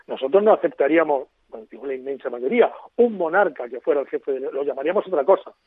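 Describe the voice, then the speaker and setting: A man's voice: on the high side, animated, fast talker. A man as a radio guest, explaining at length in an expansive, lecturing way over a phone line.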